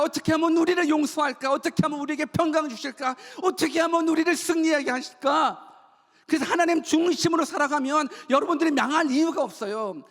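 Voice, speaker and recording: A man's voice: very high-pitched, a bit bright. A male pastor preaching a sermon to his congregation, posing rhetorical questions and leading them in call-and-response repetition. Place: church sanctuary. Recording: long church hall reverb.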